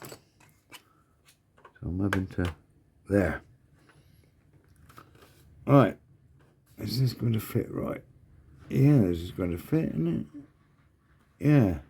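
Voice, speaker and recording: A man's voice: lowish voice, lively intonation, slow, pauses often, warm tone, husky. A man building a scale model kit, mumbling and thinking aloud to himself in a casual commentary to his viewers.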